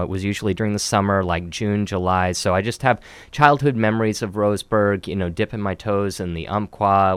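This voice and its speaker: Man from Oregon, very low voice, dry close sound; upbeat, chatty interviewee. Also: smooth, no echo. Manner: upbeat, chatty, many fillers. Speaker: city communications specialist. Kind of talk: conversational interview answers.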